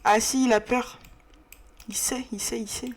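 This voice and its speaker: A woman's voice: on the high side, fairly even intonation, a little slow. A woman casually narrating a life-simulation playthrough in a slangy, chatty way with many fillers. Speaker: game narrator. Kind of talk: casual let's-play narration.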